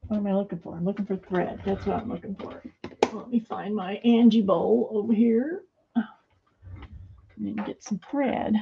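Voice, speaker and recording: A woman's voice: mid-range voice, fairly even intonation, moderate pace, gravelly, phone-quality sound, a little hiss or hum. A middle-aged woman hosting a craft video from her home studio, chatting casually and rambling with many fillers as she sews. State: hands a little weak, fumbling.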